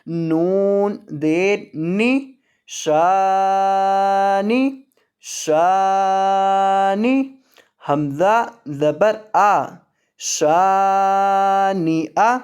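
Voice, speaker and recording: A man teaching Quran reading, slowly spelling words letter by letter and patiently repeating the rules. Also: sits high, darkish tone. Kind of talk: online tajweed lesson.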